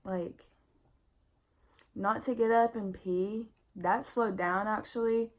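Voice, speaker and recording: A woman's voice: medium pitch, fairly even intonation, slow. A young pregnant woman giving a casual vlog update, candid and chatty, full of "like" fillers, sounding tired. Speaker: vlogger.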